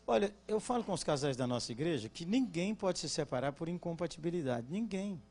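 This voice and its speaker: Joking Brazilian pastor with a higher voice. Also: male voice, expressive, brisk, soft background music. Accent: Brazilian Portuguese. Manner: joking with the congregation, asks them to respond; swings from loud jokes to quiet earnest teaching. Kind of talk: conference sermon.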